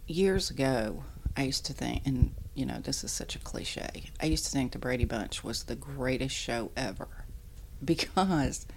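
A woman's voice: extremely low pitch, unhurried, vocal fry, poor audio. Candid middle-aged woman, some background noise. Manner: animated, self-deprecating, candid. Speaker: podcast guest, the host's mother. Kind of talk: casual interview chat. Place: indoors at a dining room table at home.

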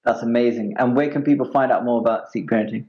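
A man's voice: mid-range voice, steady tone, fast talker. A man hosting a podcast interview in an informal, appreciative way. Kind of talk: conversational interview. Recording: dull, muffled lo-fi sound.

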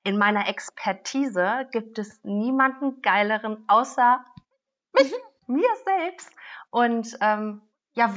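A woman in her late thirties chats casually as an interview guest, lively and animated, often breaking into laughter. Her voice sits at an everyday middle pitch. The recording is dull and a little lo-fi. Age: 30s. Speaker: business mentor, guest.

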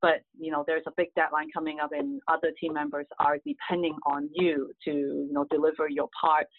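A middle-aged woman from Hong Kong, whose first language is Cantonese, speaks in a low-pitched, steady tone at a brisk pace over tinny, dry phone audio. She is an earnest guest, a real estate agent giving casual interview answers, using lots of "you know" fillers.

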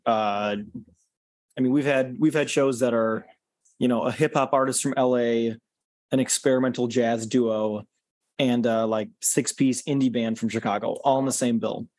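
A relaxed man chats as a podcast guest, explaining things at an easy pace. He fills his talk with "um" and "you know" and restarts his sentences. The recording is dry and close, with little room sound. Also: mid-range voice, dry recording. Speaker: podcast guest, concert organizer. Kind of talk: casual interview chat.

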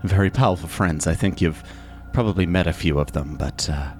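Man doing a smug gaunt villain, very low voice, menacing, mocking, tabletop game. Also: brisk, a little mellow, faint music behind, lightly acted. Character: gaunt sinister male villain, cold and smug. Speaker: villain played by the game master.

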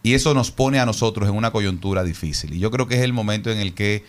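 A Dominican politician, guesting on a radio talk show, speaks fast in a voice on the low side. He argues earnestly and at length, laying out long, reasoned points.

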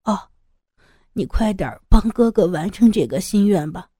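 A woman's voice: mid-range voice, expressive, normal speed, dark tone, slightly rough, no echo, studio quality. A woman voicing a desperate middle-aged man who sighs heavily and stammers through his pleas, in an audiobook story. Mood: pleading. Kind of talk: audiobook character voice.

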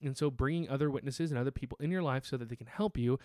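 A man's voice: medium pitch, rapid-fire, darkish tone, no echo. A young adult man preaching a sermon in church, earnest and plain-spoken, often restarting and repeating his phrases. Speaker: pastor. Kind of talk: sermon teaching.

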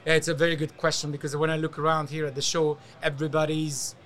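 A man's voice: a little high, level tone, fast talker, a bit bright. A middle-aged man from Hungary with a Hungarian accent, answering questions conversationally as an interview guest. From Hungary, partly raised in Algeria. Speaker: podcast guest, event design entrepreneur.

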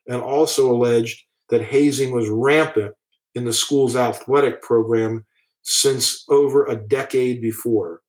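A man with a mid-range voice reads out court cases at a slow, deliberate pace. He breaks off now and then with blunt, indignant remarks of his own before carrying on. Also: mid-range voice, poor audio. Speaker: commentator on school bullying cases. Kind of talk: talk.

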